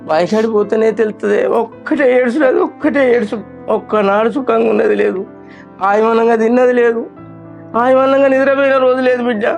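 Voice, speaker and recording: A man's voice: extremely high pitch, steady tone, fairly quick, creaky, soft background music. An actor playing a sorrowful old father, speaking wearily about a life of hardship. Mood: mournful. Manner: weary, mournful.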